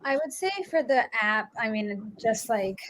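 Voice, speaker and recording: A woman's voice: a little high, measured pace, fairly bright tone. A young woman answering interview questions, reflective and casual, with many "like"s and "I think"s. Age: young adult. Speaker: guest, student author and app maker.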